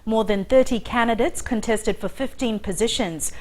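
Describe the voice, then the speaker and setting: A woman's voice: a little high, moderate pace. A woman reading scripted news as an anchor.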